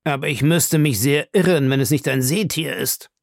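A man voicing an eager, blunt male harpooner who exclaims excitedly in an audiobook reading. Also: a little high, normal speed, no room sound, clean studio sound, close to an everyday voice. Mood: insistent.

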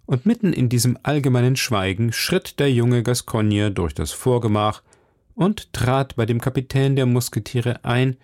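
A man narrating a novel as an audiobook in a calm, measured voice. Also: medium pitch, no echo, clean studio sound. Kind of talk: scripted narration.

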